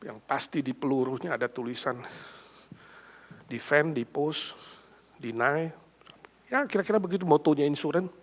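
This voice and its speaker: A middle-aged male pastor with a high-pitched voice, preaching dramatically. He drops to near whispers and then surges into loud, emphatic lists. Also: normal speed, long pauses. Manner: dramatic, swinging between hushed and loud. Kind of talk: sermon.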